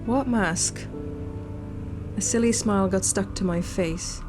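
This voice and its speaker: Taking her time at a medium pitch, a woman reads through a horror story game while hosting a gaming video. She breaks in with sweary, spontaneous remarks over faint game music.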